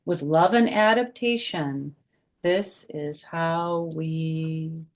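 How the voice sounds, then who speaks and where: A woman leads a children's storytime, reading a picture book and explaining it simply and chattily. Her husky, creaky voice is low, and she speaks extremely slowly.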